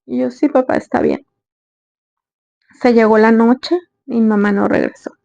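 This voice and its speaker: In a dull, dry, close recording, a young woman with a high-ish, creaky, mellow voice speaks at normal speed in a steady tone. She earnestly recounts a sad family story, quoting the dialogue as part of her personal narration.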